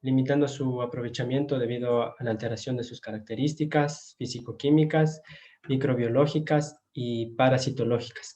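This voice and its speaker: A man's voice: mid-range voice, a little mellow. Man lecturing over a dull call. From Ecuador. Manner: measured, explanatory, with frequent filler pauses. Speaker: doctoral student giving a lecture. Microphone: computer mic on a video call. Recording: dull lo-fi video call audio.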